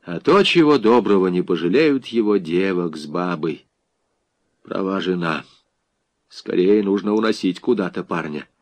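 A man narrating an audiobook in an expressive, dramatic reading. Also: low voice, normal speed, no room sound.

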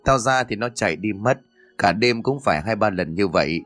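A sharp-tongued middle-aged mother rattles off quick, nagging scolds, voiced by a man. The voice stays fairly low and plain. Soft music sits faintly behind this horror audio story. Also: lively intonation, no echo. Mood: scolding.

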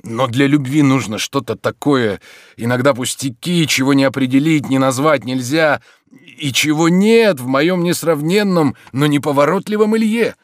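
A man's voice: mid-range voice, normal speed, no echo, studio quality, voice pushed up, lightly acted. A man reading aloud, voicing a shaken man who urgently presses a woman to explain her past love. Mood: reasoning. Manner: insistent, urgent, lively.

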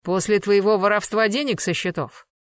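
Brief: a reader doing a hulking male bodyguard, loud and threatening, dry close read. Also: sits high, normal speed, dry recording, lightly acted. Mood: mocking. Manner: loud, bullying, interrogating. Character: burly menacing male bodyguard, rough and threatening.

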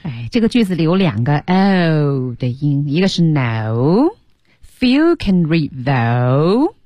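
A woman co-hosts a bilingual English lesson in a radio studio. Her voice sits fairly low, and her pitch moves in a lively way. She slows down sharply to model English phrases word by word, and the sound is dry and close. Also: dry recording. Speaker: radio English teaching co-host.

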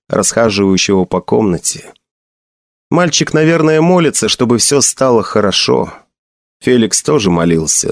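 A man reading a fantasy novel aloud as narrator, with expressive intonation. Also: medium pitch, no room sound, clean studio sound. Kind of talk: audiobook reading.

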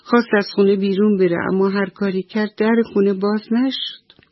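A woman storyteller narrating a bedtime story for children on the radio, gentle and affectionate. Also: medium pitch, steady tone, no echo, highs cut off.

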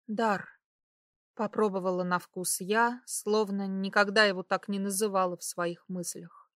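A woman narrates a first-person romance audiobook. Her delivery is measured and intimate, at a middle pitch. The recording is dry and close. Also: fairly even intonation, no echo.

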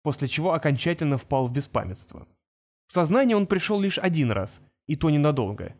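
A man narrating an audiobook in a brisk, wry storytelling manner. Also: a little high, lively intonation, darkish tone. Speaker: audiobook reader. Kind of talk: scripted narration.

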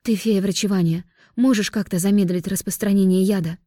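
A woman voicing a composed young fairy woman who takes charge, speaking briskly and with command. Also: mid-range voice, steady tone, dark tone, no echo, clean studio sound, lightly acted. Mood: urgent.

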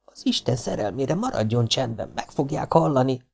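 A man doing a hushed, frightened young woman. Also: fairly high pitch, animated, vocal fry, voice pushed up, exaggerated voice. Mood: tense hushed. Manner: hushed, urgent whisper. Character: young woman hiding, tense and whispering.

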